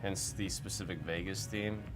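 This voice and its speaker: With music in the background, a young card-break streamer reacts casually to viewer comments, thinking out loud as he reads them. He speaks at a normal speed in a low-sitting voice with a steady tone.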